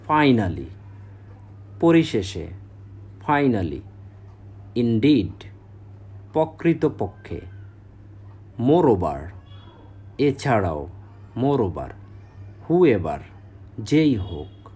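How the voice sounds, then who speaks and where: A man with a Bengali accent teaching English vocabulary, saying each word, giving its meaning and repeating it slowly. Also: mid-range voice, very animated, mellow, breathy edge. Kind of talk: slow vocabulary drill.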